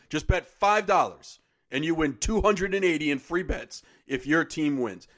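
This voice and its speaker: A man, a podcast co-host, briskly reciting the legal disclaimer at the end of a sponsor ad read. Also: fairly high pitch, fairly bright tone. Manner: brisk, formal recital of terms and conditions.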